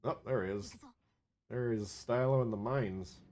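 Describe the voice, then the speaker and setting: A man's voice: mid-range voice, measured pace, darkish tone, slight background noise. A man with a Minnesota accent hosting a live game stream, chatting casually, joking and reading viewer comments aloud. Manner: chatty, wisecracking, reads viewer chat aloud. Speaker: livestream gaming host.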